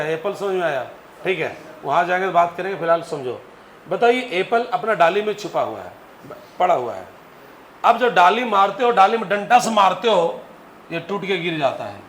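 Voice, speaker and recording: Animated male physics teacher, high voice, echoey classroom, faint hum. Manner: animated, asks students to answer aloud, acts out stories. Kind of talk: lively classroom lecture.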